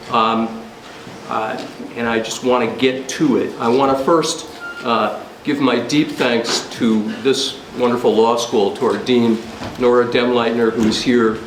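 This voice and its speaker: A man giving opening remarks at a law school symposium as its organizer, earnest and pausing often with fillers. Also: medium pitch, fairly bright tone, slight background noise. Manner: earnest, frequent filler pauses. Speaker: conference organizer. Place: law school lecture hall. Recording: roomy hall with faint ambience.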